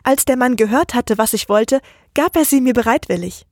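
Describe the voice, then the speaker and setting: A woman voicing a sweet young wife, talking in a raised, earnest, somewhat husky voice. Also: a little high, moderate pace, a little mellow, no room sound, studio quality. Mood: pleading.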